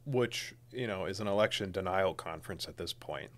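A man's voice: deep voice, normal speed. A young man, co-hosting a podcast in casual political chat, emphatic and sarcastic. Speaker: podcast co-host.

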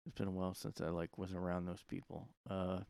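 A man with a smooth, clear voice sits in his room hosting a solo podcast, recorded close and dry. He rambles and swears freely, now and then jumping into loud outbursts. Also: sits low, level tone, a little fast, dry recording. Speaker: podcast host. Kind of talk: casual solo monologue.

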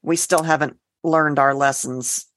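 Lower-voiced woman chatting, dry sound. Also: steady tone, unhurried, a bit bright, dry recording. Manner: conversational, steering the topic with trivia and advice. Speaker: podcast co-host. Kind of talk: casual chat.

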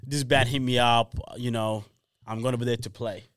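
Mid-pitched man in casual, slangy chat. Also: fairly even intonation, normal speed, fairly bright tone, dry recording, clean studio sound. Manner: slangy, repeats himself emphatically. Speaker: podcast speaker.

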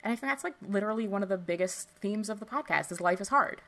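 A woman's voice: mid-range voice, fast talker, fairly bright tone. Chatty woman podcast co-host. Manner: chatty, lots of likes and you-knows. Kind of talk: casual podcast chat.

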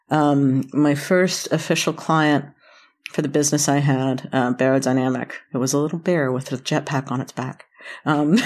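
Very deep, darkish and husky: that's the voice of this American interview guest from North Carolina. She tells stories in a loose, conversational way, informal, chatty and self-deprecating.

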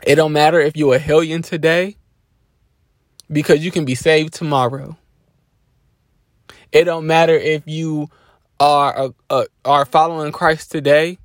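A man hosting a podcast, giving a casual faith-based motivational talk with a relaxed, preachy delivery and frequent restarts. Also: a little high, a little slow, pauses often, no echo, studio quality. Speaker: podcast host.

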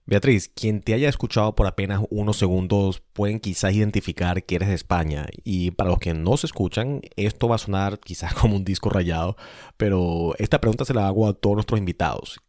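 A man's voice: low voice, fairly quick, darkish tone, no room sound, studio quality. A man from Venezuela hosting a community radio show and introducing his guest in a formal announcer's delivery. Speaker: radio host.

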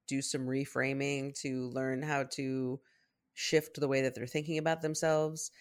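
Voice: mid-range voice, little pitch movement, measured pace, clear, resonant tone. Reflective therapist podcast co-host. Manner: reflective, explaining, thinks aloud. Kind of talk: casual chat.

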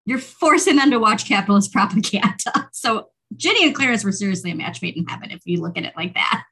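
Laughing, animated woman podcast co-host. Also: medium pitch, fast, creaky, slightly rough. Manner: animated, laughs often, sarcastic asides. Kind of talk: casual podcast discussion.

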